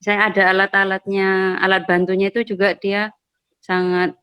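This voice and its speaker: A woman's voice: medium pitch, little pitch movement, brisk, clear, resonant tone, dull audio. A woman parent talking casually on a video call, hesitant with many fillers and polite toward the host. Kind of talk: casual online discussion.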